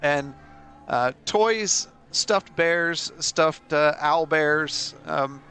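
Man, game master, somewhat high voice, improvised tabletop narration, soft background music. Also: extremely slow, clear, resonant tone.

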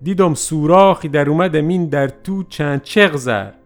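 A man narrating a first-person story in a lively, animated way. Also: fairly high pitch, faint music behind.

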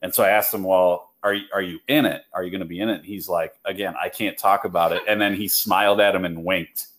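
A man with a fairly low voice chats loosely on a nerdy podcast. He rambles through fillers and restarts, laughing as he goes. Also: steady tone, quick pace, fairly bright tone. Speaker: podcast co-host. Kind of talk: casual chat.

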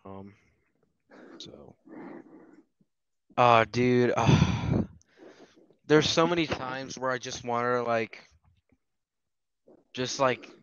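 A man's voice: mid-range voice, very slow, long pauses, a bit bright, clean tone, no echo. A man co-hosting a podcast in casual chat, rambling with plenty of fillers and restarts. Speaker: podcast co-host. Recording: slightly dull lo-fi sound.

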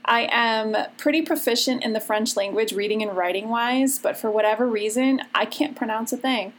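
A woman's voice: on the high side, moderate pace, slight background noise. A woman with a Chicago accent hosting a chatty, gossipy history podcast in a breezy, conversational way. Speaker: podcast host.

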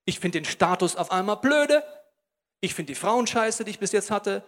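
A man's voice: sits high, expressive, moderate pace. A preacher acting out a smug, flashy, party-loving rich little man who talks in offhand slang. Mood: scornful. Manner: slangy, offhand, self-satisfied. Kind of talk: acted quote in a sermon.

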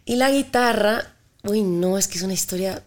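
A woman's voice: mid-range voice, moderate pace. A woman in her thirties from Cali, Colombia, a singer-songwriter chatting as a guest and telling stories with sung syllables. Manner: lively storyteller imitating notes with sung syllables. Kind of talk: casual interview chat.

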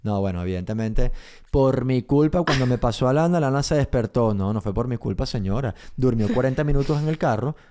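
A man's voice: mid-range voice, expressive, brisk, warm tone. A man in his thirties co-hosting a casual podcast, teasing and joking while defending himself. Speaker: podcast co-host. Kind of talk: casual chat.

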